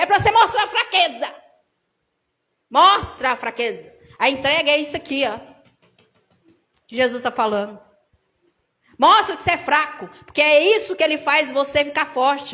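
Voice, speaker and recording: Her voice sits high and sounds a bit bright as she gives a relaxed sermon in Brazilian-accented speech. Talking with the congregation like brothers, she keeps it conversational and tells personal anecdotes.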